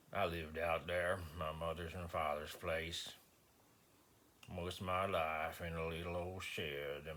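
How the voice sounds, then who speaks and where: In a dramatic monologue, a man with a low voice portrays a slow-witted, stoic rural Southerner, speaking haltingly and deadpan with grunting hums between phrases. The mood is flat and plodding, with faint background noise.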